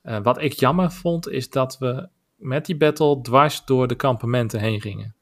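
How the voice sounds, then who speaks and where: A man with a Dutch accent co-hosting a podcast, talking in a measured, opinionated way with many filler pauses. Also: mid-range voice, a bit bright. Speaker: podcast co-host. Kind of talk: casual podcast discussion.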